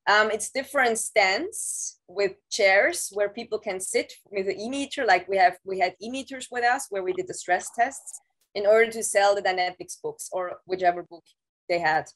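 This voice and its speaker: A woman's voice: medium pitch, a bit bright, rough recording. Woman recounting her past over a video call. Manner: halting, with frequent restarts and "um" fillers. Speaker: interview guest, former Scientology staff member. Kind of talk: casual recounting of past experiences. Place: home room, indoors. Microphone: video call, laptop camera mic.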